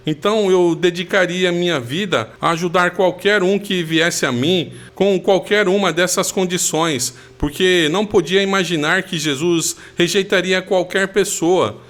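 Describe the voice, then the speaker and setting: Man, higher-pitched speaking voice, giving a steady earnest personal testimony.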